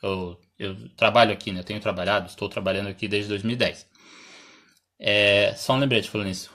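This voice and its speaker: A Brazilian man teaching English in a live stream, explaining slowly, reading example sentences aloud, clearing his throat often and answering viewers' questions. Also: lowish voice, fairly even intonation, sharp tone. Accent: Brazilian Portuguese. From Santa Catarina, Brazil.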